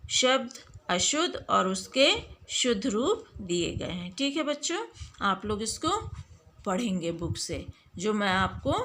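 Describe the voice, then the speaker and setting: A school Hindi teacher gives an online classroom lesson in a mid-range, slightly bright voice. She stretches out her words and asks the students quiz-style questions.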